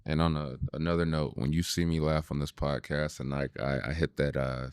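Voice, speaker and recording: A man in his late thirties hosting a podcast, talking in a relaxed, reflective way and swearing casually. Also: extremely low pitch, a little fast, smooth, no echo. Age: 30s. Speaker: podcast host.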